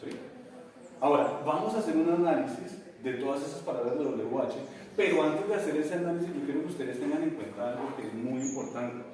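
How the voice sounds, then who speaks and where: A man with a Colombian accent teaching English in a classroom, animated and addressing his students with local slang. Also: fairly high pitch, fairly quick. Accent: Colombian Spanish. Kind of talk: classroom lesson. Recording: echoey classroom, from far off.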